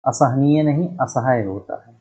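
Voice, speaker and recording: A man teaching an exam-prep grammar lesson, explaining each point deliberately and repeating the correct word. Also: mid-range voice, mellow, husky, highs cut off. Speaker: Hindi teacher.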